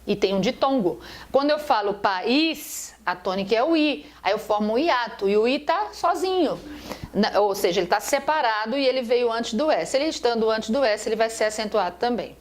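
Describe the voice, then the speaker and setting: A woman's voice: fairly high pitch, animated, moderate pace. A woman teacher giving a recorded grammar lesson over slides, explaining step by step and asking and answering her own questions. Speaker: Portuguese teacher.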